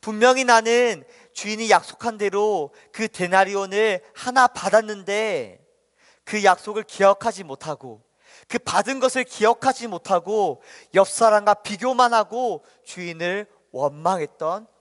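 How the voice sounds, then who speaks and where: A man gives a children's sermon, telling a Bible story gently and stopping often to ask the young listeners questions. His voice is fairly high for a man, and a long reverb trails after each phrase in a large hall. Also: measured pace.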